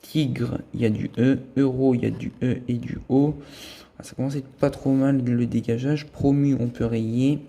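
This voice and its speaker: A gravelly yet mellow medium-pitched voice belongs to a man scratching lottery tickets on video. Speaking at a moderate pace with fairly even intonation, he checks each symbol and letter out loud in casual fashion.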